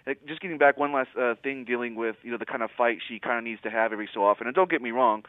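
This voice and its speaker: A man's voice: mid-range voice, racing, no room sound. A man co-hosting a casual podcast, calling in over an old landline phone. He talks in a rambling way and keeps circling back to his point. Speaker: co-host. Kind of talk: casual podcast chat about fights. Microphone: old rotary landline handset. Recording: tinny dry landline phone line.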